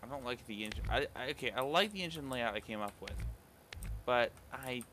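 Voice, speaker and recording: A man's voice: mid-range voice, lively intonation, a little fast, fairly bright tone, slight background noise. A man streaming a building game, rambling and correcting himself as he thinks aloud. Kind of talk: casual gameplay commentary.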